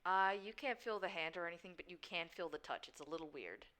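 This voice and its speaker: A woman's voice: on the low side, expressive, quick pace, a bit bright. A woman running a tabletop game as game master, improvising narration in an informal, conversational way.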